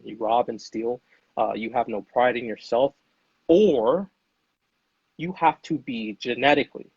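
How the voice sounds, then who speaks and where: A man's voice: medium pitch, slightly rough, no room sound, lo-fi sound. A man speaking as a podcast guest, talking earnestly and emphatically, often checking in with "right?" and calling the listener "dude". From United States. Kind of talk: earnest conversational monologue.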